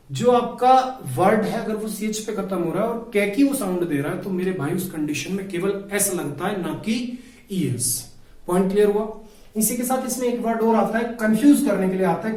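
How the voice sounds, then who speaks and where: A man's voice: sits high, mellow. A male grammar teacher giving a video lesson, repeating each point and asking and answering his own questions, often calling his listeners brother. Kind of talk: classroom-style video lesson. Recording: very echoey room, voice from a distance.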